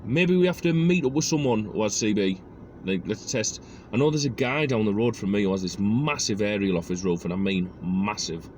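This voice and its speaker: Speaking briskly and animatedly with hardly any pauses, this lowish-voiced man hosts car DIY videos. He thinks out loud in a relaxed, self-mocking way while demonstrating work in a car, over clear background noise.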